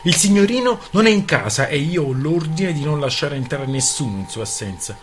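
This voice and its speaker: Stubborn young servant girl, a male reader puts her on; loud, raised voice, storybook reading. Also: on the high side, lively intonation, fairly quick, faint music behind, natural voice. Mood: curt. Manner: loud, indignant refusal.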